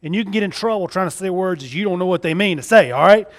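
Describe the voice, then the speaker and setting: High-voiced and fast, a Southern-accented magician from Mississippi runs through jokey, showy patter at a live children's magic show, guiding a young volunteer like a party entertainer.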